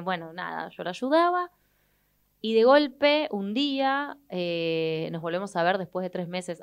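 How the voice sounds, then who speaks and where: A young adult woman with an Argentine accent, telling a personal story in an expressive way and acting out the people she quotes. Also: on the low side, smooth. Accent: Argentine Spanish. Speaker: guest. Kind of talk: animated storytelling in conversation.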